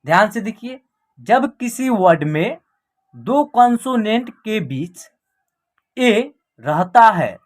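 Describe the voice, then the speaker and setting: A woman's voice: medium pitch, animated, takes it slowly. A woman teaching an online English class, spelling words out letter by letter, then asking short questions and answering them herself, with a frequent "okay" check-in. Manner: repeats "ठीक है" as a check-in.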